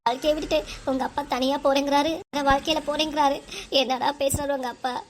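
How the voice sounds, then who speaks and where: A woman plays a scheming mother in a cartoon, whining and complaining in a Tirunelveli Tamil accent. Her voice sits high and the lines rush out quickly. A faint hiss of noise runs underneath. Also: little pitch movement, natural voice. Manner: complaining, whiny and plotting. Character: scheming middle-aged mother who fakes crying. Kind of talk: cartoon voice acting.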